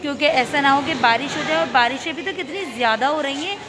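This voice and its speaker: A young woman, a schoolteacher, vlogging casually on a phone as she walks around a school, chatting and gently coaxing a child with questions. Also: high-pitched, fast. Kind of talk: casual vlog chat. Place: school grounds and corridors. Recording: loud crowd and ambient noise. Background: children playing and chatter.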